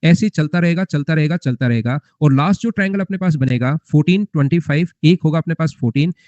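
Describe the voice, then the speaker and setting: A man's voice: on the high side, quick pace, a little mellow, no room sound. Coaxing male math teacher, muffled and dry. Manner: repetitive, coaxing, quizzing students with rhetorical questions. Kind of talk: live class lecture. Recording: muffled lo-fi recording.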